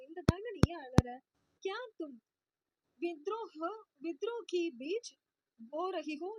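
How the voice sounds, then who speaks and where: A woman tutor who reads out a poem line by line and paraphrases each line simply, in a steady, repetitive teaching cadence. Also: high voice, slight background noise. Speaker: Hindi exam tutor. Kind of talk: line-by-line poem explanation lesson.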